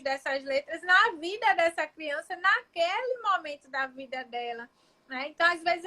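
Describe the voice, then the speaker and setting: A woman with a very high, bright voice hosts a casual live chat on a video call. She talks in a reflective, searching way, often restarting a thought and checking in with her listener. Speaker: child psychologist and live-stream host.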